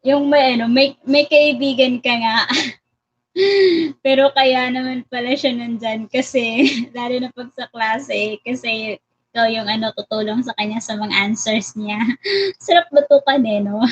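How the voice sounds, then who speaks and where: Filipino woman reading a story aloud, higher voice, halting with fillers, giggly asides, faint noise. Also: fairly even intonation, lo-fi sound. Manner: halting, frequent fillers and restarts, giggly side comments. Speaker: story reader.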